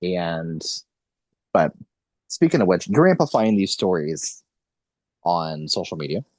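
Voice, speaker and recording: A man's voice: deep voice, big pitch swings, measured pace, darkish tone, no room sound. A man in his late twenties hosting a podcast, talking in an earnest, rambling way and correcting himself often. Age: 20s. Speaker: podcast host. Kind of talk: casual podcast conversation.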